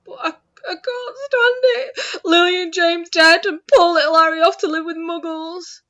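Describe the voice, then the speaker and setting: Hagrid, a loud rustic giant, as a woman puts him on. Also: a little high, animated, normal speed. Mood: sobbing. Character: big soft-hearted male giant groundskeeper. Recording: dull lo-fi recording.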